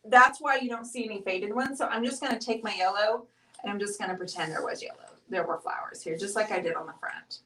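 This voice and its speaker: A middle-aged woman hosts a painting show as a casual live stream, chatty and teasing as she thinks aloud while painting. She talks fast in a mid-range, fairly bright voice, sounding roomy and distant.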